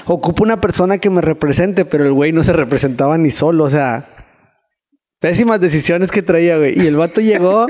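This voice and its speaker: A young Mexican-accented man with a notably high voice tells his story as a podcast guest. He talks in loose, slangy casual chat and pokes fun at himself. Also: a little fast, darkish tone. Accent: Mexican Spanish. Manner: slangy, peppers speech with filler words, self-mocking. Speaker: guest youtuber.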